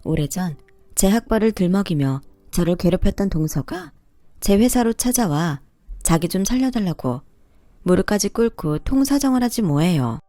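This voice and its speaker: A woman narrating a first-person story in a calm, conversational storytelling manner. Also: medium pitch, normal speed, no echo, studio quality, faint music behind.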